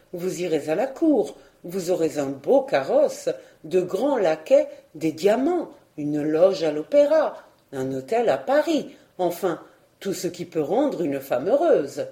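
A woman reading a storybook, voicing a vain scheming cousin, a colonel who talks smoothly and persuasively. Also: on the low side, warm tone.

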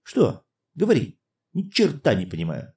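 A man's voice: medium pitch, wildly swooping pitch, moderate pace, a little mellow. A man reading an audiobook, voicing a boisterous, laughing older prince who exclaims and teases. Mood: impatient. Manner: exclaiming, guffawing, teasing. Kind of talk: audiobook character voice.

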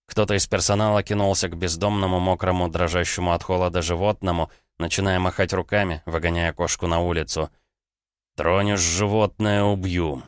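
Male narrator, audiobook, first person, measured, smooth voice, dry close mic. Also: low voice, flat delivery, dry recording.

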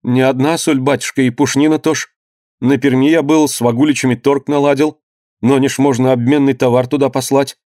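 A man's voice: little pitch movement, a little fast, darkish tone, no room sound, clean studio sound, natural voice. A man reading an audiobook, voicing a timid young son who pleads and makes excuses to his father. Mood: pleading. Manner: higher, pleading, deferential tone.

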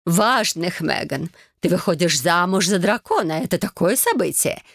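This audiobook character voice comes from a woman whose lowish voice swings widely in pitch at a normal speed, captured cleanly in a studio without echo. Her role is an effusive, domineering mother organizing a wedding, gushing nonstop and talking right over everyone else.

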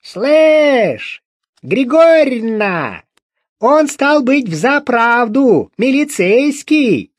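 A man voicing a gaunt, hostile old churchgoing woman with a creaky, grating voice and rustic old-fashioned speech. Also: high-pitched, big pitch swings, unhurried, dry recording, clean studio sound, voice pushed up, heavily acted. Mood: suspicious.

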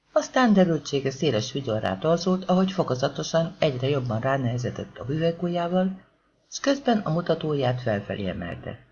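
Male audiobook narrator, lively swooping delivery, higher voice, dull lo-fi recording. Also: a little hiss or hum. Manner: animated, expressive reading.

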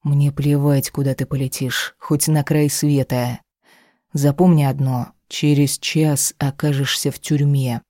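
A woman's voice: low voice, little pitch movement, a little slow, dark tone, no room sound, clean studio sound. A woman voicing a cruel, angry husband in an audiobook, speaking harshly and threateningly. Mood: harsh anger. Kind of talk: audiobook character reading.

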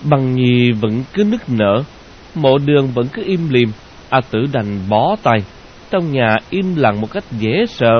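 A man narrating a novel in a slow, measured way. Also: medium pitch, expressive. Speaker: audiobook narrator. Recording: dull lo-fi audio with hiss.

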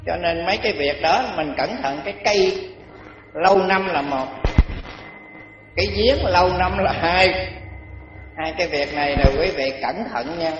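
A man's voice: fairly high pitch, moderate pace, pauses often, fairly bright tone. A man giving a dharma talk, telling folksy village stories and acting out the people in them. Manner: folksy, acts out village characters in quotes. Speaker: monk teaching. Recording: echoey distant recording, dull sound, faint music.

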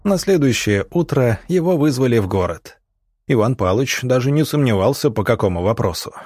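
A man narrating an audiobook in a measured, dramatic reading style. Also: medium pitch, a little mellow, dry recording, clean studio sound. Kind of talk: scripted narration.

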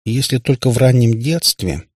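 A man's voice: mid-range voice, expressive, moderate pace, dry recording, clean studio sound, voice pushed up, close to an everyday voice. Man voicing a pedantic nerdy schoolboy. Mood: earnest. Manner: polite, pedantic, a bit flustered. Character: lanky, earnest, nerdy schoolboy. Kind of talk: audiobook reading.

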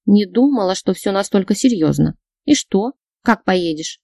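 A woman voicing a blunt, energetic young female friend who talks brashly. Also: mid-range voice, normal speed, creaky, no echo, studio quality.

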